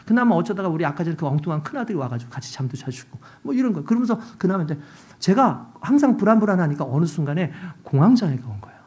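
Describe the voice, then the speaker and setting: Middle-aged man, guest pastor, emotional testimony sermon, lively and expressive pitch. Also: fast talker. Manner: emotional, animated storytelling.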